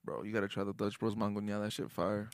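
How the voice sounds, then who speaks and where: A man's voice: on the low side, level tone, quick pace, no echo. A young man bantering casually as a podcast host in slangy, sweary frat-bro talk.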